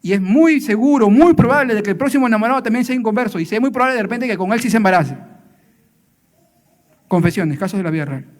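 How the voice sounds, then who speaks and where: A man's voice: high voice, animated, fast, big-room sound. A man giving a family sermon in a church, talking in a conversational way, often tagging questions and acting out short dialogues. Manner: conversational preaching, frequent tag questions, acts out dialogues. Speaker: church speaker.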